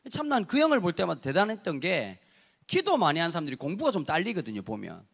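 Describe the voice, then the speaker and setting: High, lively pastor preaching a sermon. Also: male voice, fast talker, vocal fry. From Busan, South Korea. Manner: lively humorous storytelling, addresses congregation.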